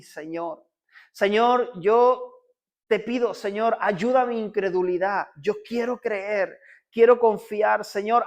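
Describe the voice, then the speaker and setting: A man with a Spanish accent leading a congregation in fervent prayer, repeating "Lord" over and over as he pleads. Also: high voice. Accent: Spanish (Spain). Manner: fervent prayer, repeating "Señor" constantly, rising to urgent pleading. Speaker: pastor.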